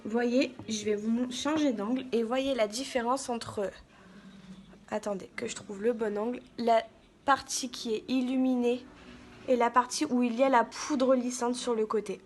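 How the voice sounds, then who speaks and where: Woman giving a calm makeup tutorial. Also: fairly high pitch, moderate pace, a little hiss or hum. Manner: calm step-by-step instruction with frequent "donc" and "voilà". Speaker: beauty vlogger.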